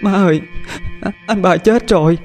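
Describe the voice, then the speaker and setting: A man voicing a frightened, grieving young village girl, speaking in a soft, halting way. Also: on the high side, faint music behind, close to an everyday voice. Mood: crying. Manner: soft, halting, tearful storytelling.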